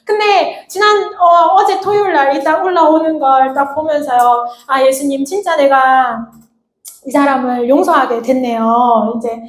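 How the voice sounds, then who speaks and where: High-voiced woman sharing a church message. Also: fairly even intonation, normal speed. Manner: chatty, confessional, laughs at herself. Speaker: church teacher. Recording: echoey room.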